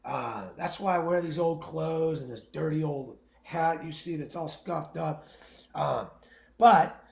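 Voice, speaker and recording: A man's voice: on the high side, slow, creaky, darkish tone. A man who owns a winery, talking casually on a livestream in a blunt, opinionated, jokey way. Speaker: winery owner and winemaker. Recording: roomy echo.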